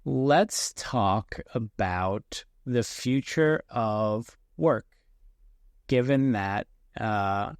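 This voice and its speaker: A man's voice: lowish voice, clear, resonant tone, no echo, studio quality. A man hosting a podcast, curious and probing, who asks questions with hesitant restarts in a casual chat. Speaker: podcast host.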